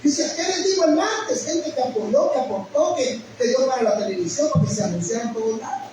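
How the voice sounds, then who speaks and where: A man's voice: very high-pitched, animated, fast. A middle-aged man, a pastor, telling an emotional personal testimony in a sermon and often calling listeners "brother". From Guatemala. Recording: echoey hall, mic at a distance, noisy.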